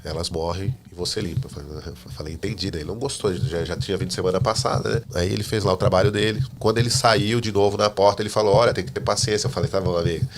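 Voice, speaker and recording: A man telling his personal faith testimony as a podcast guest, a lively storyteller who acts out the dialogue he quotes. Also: deep voice, racing, hardly any pauses, noisy background. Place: living in the United States.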